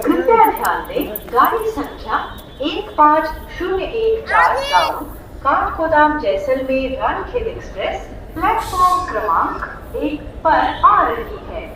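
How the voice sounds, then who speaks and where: A woman making slow, formal railway station announcements over a PA loudspeaker. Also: high voice, big pitch swings. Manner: slow, measured, formal announcing in two languages. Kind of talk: public announcements. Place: outdoor railway platform. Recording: echoey loudspeaker heard from far off on a noisy platform. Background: train and platform noise.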